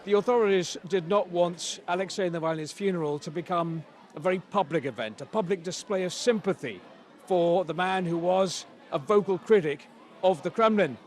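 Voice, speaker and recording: A man's voice: sits high, normal speed. A man reporting on location outdoors as a TV news correspondent. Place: outdoors on a city street. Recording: outdoor street with faint noise.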